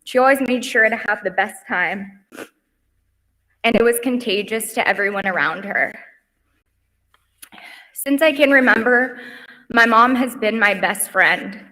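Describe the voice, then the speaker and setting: Young woman reading a eulogy, bright clear voice, lots of hall reverb, earnest. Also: a little high, measured pace, long pauses. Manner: earnest and heartfelt, softening on lists. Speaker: eulogy speaker. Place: memorial service hall.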